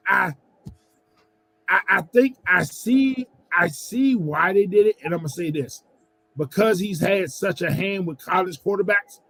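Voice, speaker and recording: A man's voice: high voice, fairly bright tone, dry recording, low-quality recording. A man on a live sports fan show, giving blunt opinions and stumbling over his words.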